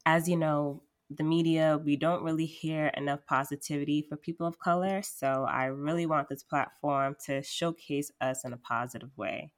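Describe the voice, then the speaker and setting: A young woman presents an interview podcast. Her voice is notably low for a woman. She speaks as an upbeat, encouraging host who introduces topics and guests. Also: fairly even intonation, normal speed, few pauses.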